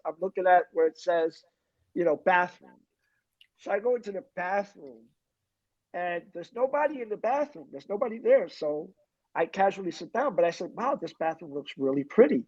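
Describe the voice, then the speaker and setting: A man telling a funny story in a casual chat, animated and often breaking into laughter. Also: sits high, dry recording, lo-fi sound. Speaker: guest.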